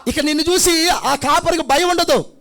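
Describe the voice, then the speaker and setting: A man's voice: very high voice, normal speed, fairly bright tone. A man preaching a sermon, asking rhetorical questions and acting out little scenes. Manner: conversational preaching, rhetorical questions, acts out child and grandfather. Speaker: pastor. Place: church prayer hall.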